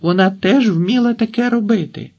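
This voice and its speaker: Man doing a young woman's voice, playful, shouting over a roar, pitched high, audiobook. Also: moderate pace, vocal fry. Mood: impatient.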